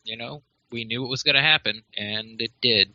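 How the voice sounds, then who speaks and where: A man's voice: mid-range voice, normal speed, sharp tone, no room sound. A man, co-hosting a casual sports podcast and making dry, wry remarks. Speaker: podcast co-host. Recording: dull dry podcast audio.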